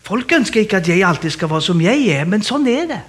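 A man preaching as a guest in a lively sermon, animated and exclaiming, laughing often. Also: high voice.

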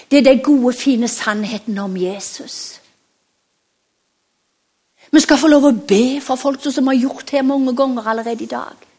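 High-voiced woman telling children a Bible story. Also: husky. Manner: animated, slow and emphatic, dropping to whispers. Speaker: children's preacher.

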